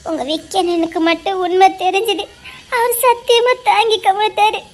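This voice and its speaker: A very high, thin voice belonging to an anxious young wife, played by a woman who talks in a soft, pleading way with a Tirunelveli Tamil accent. Her voice keeps breaking with tears, yet she stays firm. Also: moderate pace. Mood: tearful pleading. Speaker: actor. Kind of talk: melodramatic web-series acting.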